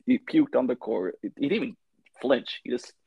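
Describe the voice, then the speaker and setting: A man's voice: medium pitch, brisk, gravelly, slightly rough, no echo, lo-fi sound. A man co-hosting a casual sports podcast, talking in a loose, rambling way. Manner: loose and rambling, frequent restarts. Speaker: podcast co-host.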